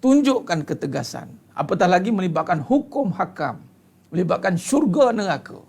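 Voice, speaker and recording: A man's voice: high-pitched, sing-song, normal speed, vocal fry, darkish tone, breathy edge. A man with a Malaysian Malay accent preaching to a congregation, emphatic, stretching key words and firing rhetorical questions. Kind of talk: religious lecture to a congregation.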